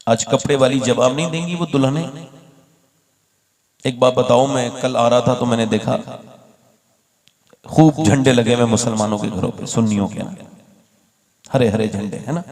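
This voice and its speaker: A man preaching a storytelling sermon at a religious gathering, impassioned, swinging from soft passages to shouted ones. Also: medium pitch, fairly even intonation, normal speed, pauses often, big-room sound.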